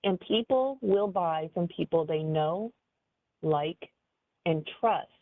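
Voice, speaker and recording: A woman business advisor giving a webinar training in an animated, conversational way, with frequent fillers. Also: on the low side, slow pace, no room sound. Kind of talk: webinar presentation. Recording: tinny phone-like dry audio.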